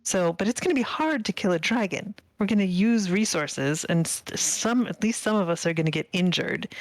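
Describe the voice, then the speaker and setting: A player at an online tabletop game, thinking aloud strategy in halting, restarted questions. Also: medium pitch, lively intonation, no echo. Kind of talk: casual game table chat.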